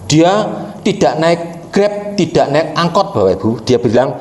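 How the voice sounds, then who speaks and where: A man's voice: a little high, sing-song, a little slow, darkish tone, reverberant. A male pastor telling a story in a sermon and often turning to address the congregation directly.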